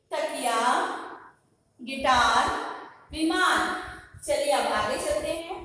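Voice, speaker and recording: Woman teacher, high voice, slow patient phonics lesson, booming echo, distant mic. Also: fairly bright tone, slight background noise. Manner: slow, patient, repeats words for pupils to echo. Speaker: primary school teacher. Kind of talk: Hindi phonics lesson for young children. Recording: very echoey room, recorded from a distance.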